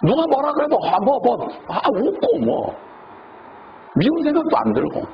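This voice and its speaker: A man's voice: very high-pitched, moderate pace, gravelly. A man preaching a sermon as pastor, acting out the words of the people he quotes. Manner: animated, acts out quoted speech. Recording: dull, noisy lo-fi recording.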